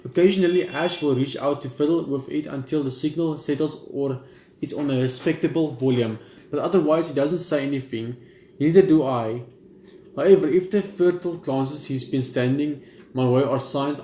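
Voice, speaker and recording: A mellow man of medium pitch reads a visual novel aloud for a let's play at normal speed, with slight background noise. Now and then he stumbles and rereads, and he adds asides as he goes. The sound is roomy and echoing, backed by video game music.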